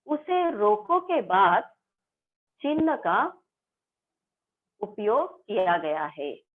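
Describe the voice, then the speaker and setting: Slow, lively-voiced woman teaching a lesson. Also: high voice. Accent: Marathi. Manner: slow, explaining step by step to children. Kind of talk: online school grammar lesson. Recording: tinny phone-like sound.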